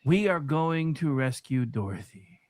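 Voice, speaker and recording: A man playing an excitable, kindly scarecrow in a comic radio play, fretful and given to stammered exclamations. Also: a little high, a little slow, dry recording, studio quality. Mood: earnest.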